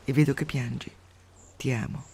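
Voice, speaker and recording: A man voicing a lonely, bitter woman who is a married man's mistress, speaking softly and mournfully in a radio story reading. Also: medium pitch, fairly even intonation, normal speed, creaky, breathy edge. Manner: soft, hushed, mournful.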